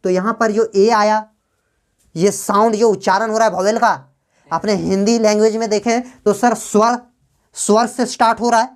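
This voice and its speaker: A woman teaching English grammar to a class, asking questions and answering them herself, and drawing out example words slowly. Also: medium pitch, steady tone.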